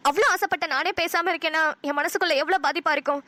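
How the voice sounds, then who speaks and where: A woman voicing an elderly wife and mother-in-law in a cartoon, warm-hearted but quick to scold. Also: very high-pitched, no echo. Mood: heartfelt. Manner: scolding, emotional. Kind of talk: cartoon dialogue.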